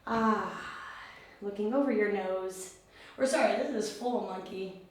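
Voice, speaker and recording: A woman teaching a yoga class, giving step-by-step pose instructions in a calm, soothing, encouraging way. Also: mid-range voice, a little slow. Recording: very echoey room, far mic, faint noise.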